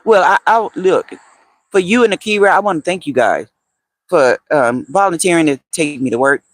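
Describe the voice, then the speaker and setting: With an expressive, somewhat high voice at normal speed, a man hosts a casual livestream in a dry recording. He answers viewers' comments, chats with them, repeats phrases, and laughs often.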